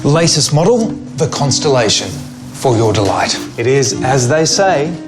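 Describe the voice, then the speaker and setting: A smooth-talking vacuum salesman. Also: mid-range voice, very animated, a little slow, music in the background. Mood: salesy. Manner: smooth, eager sales patter. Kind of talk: period TV drama acting.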